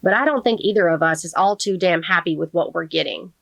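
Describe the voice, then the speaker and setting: A weary teenage boy in a jail cell, guarded and quietly bitter, as a woman reading a novel puts him on. The sound is close and dry, the voice lowish. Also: fairly quick, vocal fry, no echo.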